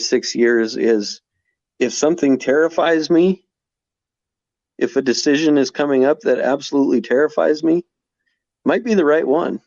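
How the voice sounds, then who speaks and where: A man's voice: medium pitch, darkish tone, no echo. Man, forties, podcast guest, reflective, restarts sentences, dry dull sound. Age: 40s. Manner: reflective, many restarts and fillers. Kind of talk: casual conversation. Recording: slightly dull podcast audio.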